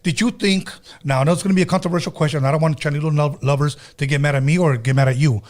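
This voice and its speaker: A native Spanish speaker from California in his fifties, this man hosts a casual interview on a radio podcast, talking bluntly and informally with slang and bits of Spanish in a Chicano Californian accent. His voice is somewhat high, his tone steady, and he talks at a racing pace.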